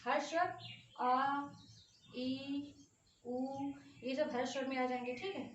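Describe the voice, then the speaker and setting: A woman teaches an exam-prep grammar lesson in a high voice. She pronounces each sound aloud, draws out the long vowels and keeps asking whether her students follow. She sits a little back from the mic in an echoey room. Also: steady tone, slow, distant mic, highs cut off, slight background noise. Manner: drills vowel sounds aloud, stretching long ones, with frequent "ठीक है" check-ins.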